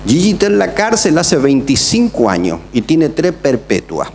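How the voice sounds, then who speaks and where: Argentine pastor preaching in a reverberant hall. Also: male voice, fairly high pitch, huge pitch swings, normal speed, noisy background. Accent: Argentine Spanish. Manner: dramatic, swings between loud calls and quiet asides. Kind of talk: sermon. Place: large church hall.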